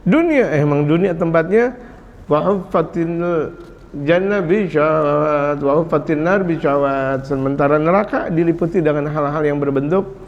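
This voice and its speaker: Lively high-voiced preacher. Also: male voice, normal speed, lo-fi sound. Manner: lively, jokes and acts out scolding parents. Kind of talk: sermon.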